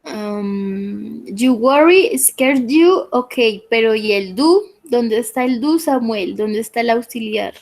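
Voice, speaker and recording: A woman's voice: on the high side, lively intonation, takes it slowly, gravelly, darkish tone, poor audio. A woman teaching an English class online, reading out student answers and patiently explaining corrections, often checking in with "¿listo?".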